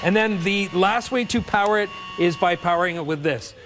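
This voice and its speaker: A man's voice: sits high, fairly quick, background noise. A middle-aged man giving an enthusiastic, emphatic live home shopping product demonstration, repeating his selling points. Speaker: product demonstrator, guest pitchman. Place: TV studio kitchen set.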